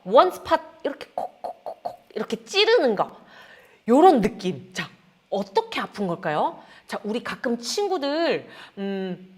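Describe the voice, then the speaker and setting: Animated, high-voiced woman teaching Korean. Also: slightly rough. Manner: animated, acts out feelings with sound words and gestures; addresses students as friends, frequent "자". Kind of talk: lively online Korean lesson.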